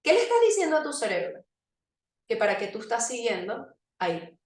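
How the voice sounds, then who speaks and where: A high-pitched woman leads a live motivational workshop. She talks straight to the audience and keeps them engaged with exercises and frequent check-ins. The recording is roomy and echoey, and her voice comes from a distance. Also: sing-song, fairly quick, a little mellow. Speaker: workshop presenter.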